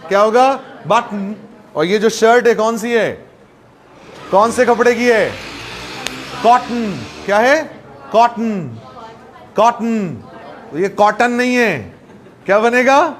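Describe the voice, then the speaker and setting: A man teaching English in a classroom lesson, playfully quizzing his students with rapid questions. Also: high voice, fairly bright tone.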